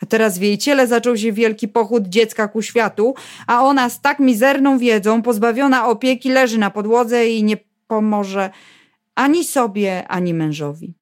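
A woman narrating a novel in a measured, even storytelling voice, sitting a little higher in pitch than most women. She keeps a steady, unhurried audiobook delivery throughout.

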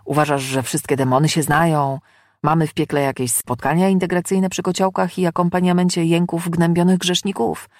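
A woman's voice: sits low, no room sound, studio quality. A woman voicing a chatty, sarcastic male demon who mocks and rambles on at length. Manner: mocking, long-winded, indignant.

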